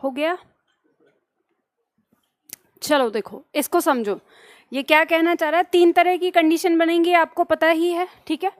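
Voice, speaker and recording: A woman teaching an online grammar class, dictating notes slowly and breaking off to scold students for their comments. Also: extremely high pitch, no echo. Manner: slow deliberate dictation, scolding asides.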